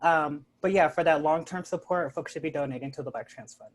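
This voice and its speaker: A woman's voice: low voice, fairly quick. Earnest woman with many fillers. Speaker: panel guest. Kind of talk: casual online panel talk. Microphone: video call.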